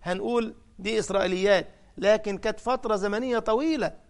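High-voiced Egyptian preacher. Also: male voice, fast. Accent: Egyptian Arabic. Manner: dramatic storytelling, raising the voice for quoted cries. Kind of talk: sermon.

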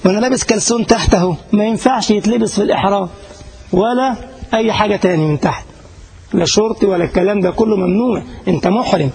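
In a low-quality recording, a sheikh with an Egyptian accent teaches a casual religious class in Germany, chatting and joking with the audience and often asking if they follow. He speaks at a quick pace in a high-pitched, slightly mellow voice.

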